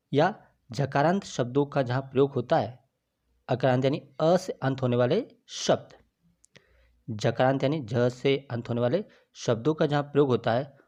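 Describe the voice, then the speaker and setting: Slow, patient male grammar teacher. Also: mid-range voice, a little mellow. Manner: explains patiently, asks and answers his own questions.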